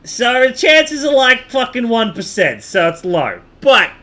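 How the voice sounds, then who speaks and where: A game streamer talks unhurriedly in an extremely high, sing-song voice with a sharp edge. The live-stream chat is casual and meandering, full of thinking aloud and the odd swear word, over clear background noise.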